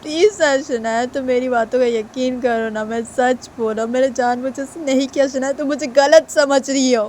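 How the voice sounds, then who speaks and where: A woman's voice: sits high, fairly even intonation, moderate pace, few pauses, a little mellow, a little hiss or hum, lightly acted. A woman voicing a young woman who pleads, close to tears, to be believed. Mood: pleading. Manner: begging, near tears.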